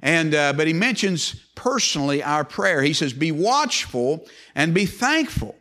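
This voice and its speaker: High, bright-voiced preaching older man. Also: sing-song. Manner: preaching with repeated phrases and emphatic slowed words. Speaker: pastor. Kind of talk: sermon. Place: church.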